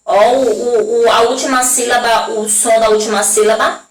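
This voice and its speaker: A Brazilian woman teacher giving a recorded lesson to young children, drawing out example words slowly and checking in with the class often. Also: a little high, fairly even intonation. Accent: Brazilian Portuguese. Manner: slow, drawn-out pronunciation of example words; frequent checking tags to the class. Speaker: primary school teacher. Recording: echoey room, voice from a distance.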